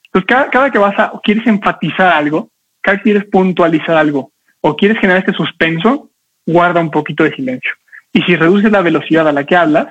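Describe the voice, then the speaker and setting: A man coaching an audience on public speaking, talking fast and energetically with lots of rhetorical questions. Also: on the high side, fairly bright tone, muffled recording.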